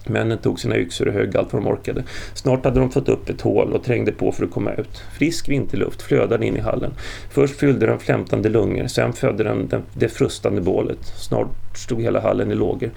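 A man's voice: on the low side, fairly even intonation, creaky, mellow, husky. A man narrating a Viking tale as an audiobook reader, telling it steadily.

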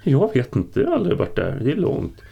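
A man's voice: mid-range voice, lively intonation, creaky, warm tone, breathy edge, pitched above the performer's own voice, heavily acted. A man voicing a timid, frightened farmhand who stammers and trembles as he talks, in an audiobook. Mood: anxious.

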